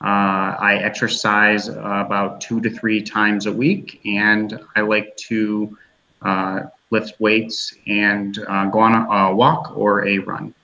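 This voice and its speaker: A man in his thirties from Massachusetts introducing himself and presenting for a graduate class. He speaks slowly and haltingly. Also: on the low side, little pitch movement, pushed and bright. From Massachusetts, USA. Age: 30s. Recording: dull lo-fi recording.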